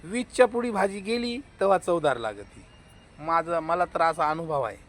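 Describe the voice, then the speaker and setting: A man's voice: a little high, animated, normal speed, a bit bright, a little hiss or hum. Chatty man outdoors. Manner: chatty, coaxing talk to animals and viewers. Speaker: vlogger. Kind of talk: casual village vlog chat. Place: outdoors in a village yard.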